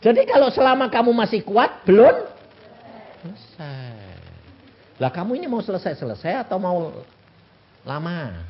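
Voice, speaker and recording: A man's voice: high-pitched, normal speed, pauses often. Elderly male preacher, Javanese accent, wildly swooping raised voice, dull lo-fi recording. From Central Java, Indonesia. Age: 80s. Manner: animated, asks the congregation rhetorical questions. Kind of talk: sermon.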